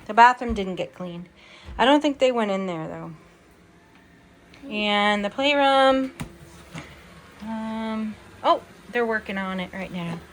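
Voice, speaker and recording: A woman's voice: mid-range voice, slow, long pauses, a little hiss or hum. A young adult woman hosting a home video, chatting casually with a child.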